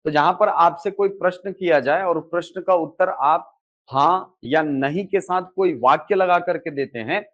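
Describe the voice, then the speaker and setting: A man's voice: fairly high pitch, moderate pace. A male teacher giving a classroom lecture, asking questions and answering them himself, often checking in with "okay". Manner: repeats key terms with "ठीक है". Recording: dull lo-fi recording.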